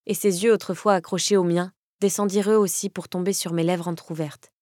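A woman narrates a first-person romance audiobook in a lowish voice. Her delivery is measured and intimate. The close studio recording is completely dry. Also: steady tone, mellow, no echo.

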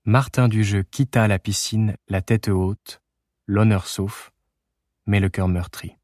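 A man reads a literary novel aloud as an audiobook, measured and unhurried. His voice sits on the low side and the sound is dry and close, with no room around it. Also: steady tone, a little mellow, dry recording. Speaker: audiobook narrator.

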